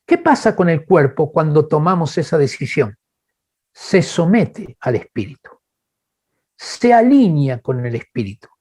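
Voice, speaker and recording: A man with a Chilean accent preaching in a webinar, telling personal stories and acting out quoted voices. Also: unhurried. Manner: animated, acts out quoted voices with big pitch jumps; addresses listeners as brothers, asks okay. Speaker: guest speaker. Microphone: webinar microphone.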